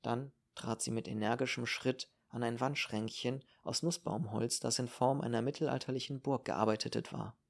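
A man reading an audiobook in a calm, measured narration. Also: medium pitch, creaky. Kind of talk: scripted narration.

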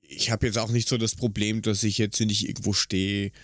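Relaxed matter-of-fact podcast co-host man. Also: on the low side, a little fast, no echo, clean studio sound. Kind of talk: casual podcast chat over a call.

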